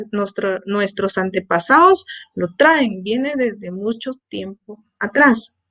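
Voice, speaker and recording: Slow, high-voiced woman teacher. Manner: patient, explanatory, checks understanding with tag questions. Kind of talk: recorded lesson explanation.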